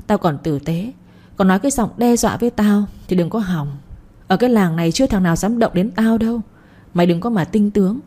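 Woman reading a vengeful village man, hard quick threats, dark husky voice. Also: mid-range voice, lightly acted. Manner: threatening, fast and angry. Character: grieving vengeful young village man Lập.

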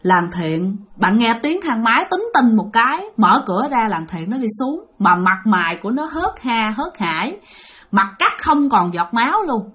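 A woman's voice: fairly high pitch, sing-song, moderate pace, fairly bright tone. Chatty Southern Vietnamese woman telling a ghost story. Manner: chatty, addresses listeners directly.

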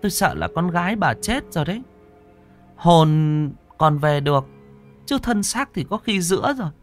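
Man putting on a stern female spirit medium, higher voice, grave measured delivery, lively tone. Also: faint music behind, lightly acted. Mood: solemn. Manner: solemn, measured pronouncements.

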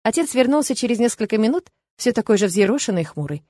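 A woman narrating an audiobook in an even storytelling manner. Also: fairly high pitch, fast, dry recording, studio quality. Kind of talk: scripted narration.

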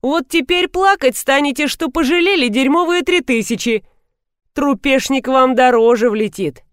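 A woman voicing a jumpy young male traffic cop who takes bribes, with excitable, shrill accusing outbursts, in a storybook reading. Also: normal speed, dry recording, studio quality, lightly acted. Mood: gloating.

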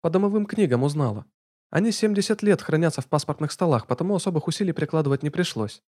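A man putting on a sharp-tongued mocking young woman. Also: fairly high pitch, lively intonation, fast talker, pitched above the performer's own voice. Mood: businesslike.

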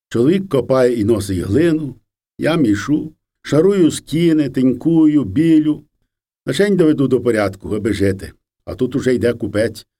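Mellow male storyteller, lively intonation. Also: mid-range voice. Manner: unhurried, lively folk storytelling. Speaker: reader. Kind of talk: storybook narration of a first-person memoir.

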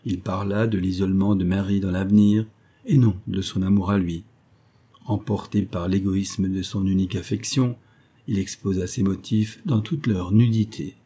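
Man reading a classic novel aloud, measured and even, dark mellow voice, bit husky. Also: sits low. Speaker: audiobook narrator. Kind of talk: scripted literary narration.

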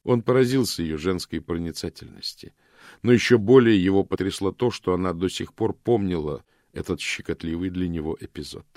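A man narrating an audiobook in a steady, measured storytelling manner. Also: deep voice, dry recording, studio quality. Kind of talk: scripted narration.

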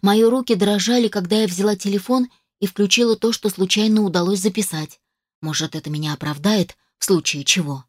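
A woman's voice: medium pitch, brisk. A woman reading a dramatic first-person story aloud, emotional and distressed, on a close microphone. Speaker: audiobook narrator.

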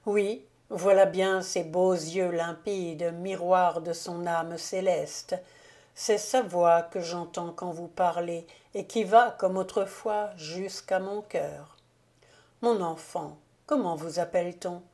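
A woman's voice: lowish voice, steady tone, slow, a little mellow. A woman reading the part of a grave, tender man who is a stranger, speaking earnestly.

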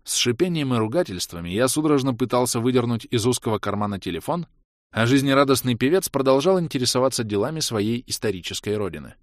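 A man reading a story aloud in first person, with wry, lively delivery. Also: mid-range voice, fast, no echo, studio quality. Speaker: audiobook narrator. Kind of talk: first-person scripted narration.

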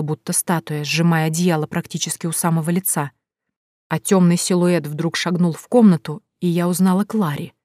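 A woman narrating an audiobook chapter in the first person, steady and measured. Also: fairly low pitch, dry recording, clean studio sound.

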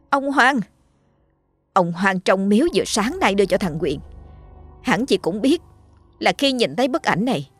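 A woman voicing a young second wife who speaks calmly but firmly and cuttingly. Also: mid-range voice, breathy edge, no room sound. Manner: calm but firm, cutting. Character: young, firm second wife, protective mother.

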